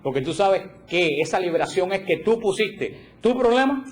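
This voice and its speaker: A man giving a religious teaching talk, animated, acting out little quoted voices and repeating points for emphasis. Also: sits high, moderate pace. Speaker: catechism teacher.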